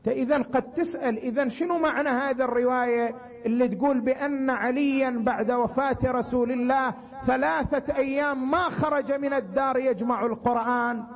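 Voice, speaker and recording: A man. He presses his points with emphasis and sinks into a low chanting tone for scripture. The recording sounds dull and lo-fi. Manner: emphatic, drops into low chanting recitation for quotations. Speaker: preacher. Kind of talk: religious sermon.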